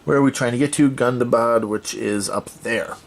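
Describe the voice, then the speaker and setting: A man's voice: medium pitch, moderate pace, vocal fry. A man hosting a let's-play of a solo card game, thinking aloud as he reads out card text and corrects himself as he goes.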